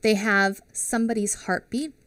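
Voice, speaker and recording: A teacher in her thirties reads a picture book aloud to young children on a headset mic, pausing to explain things slowly in simple words. She's animated and expressive, with a medium-pitched voice. She records in a small home studio with a classroom wall behind her, and there's no room sound.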